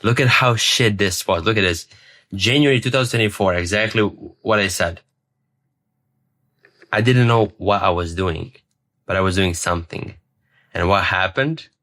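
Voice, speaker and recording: This deep-voiced young man keeps a steady tone at normal speed, pausing often, and sounds fairly bright. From Serbia and a native Serbian speaker, he vlogs about his own life to camera, wandering off topic, repeating words and swearing casually.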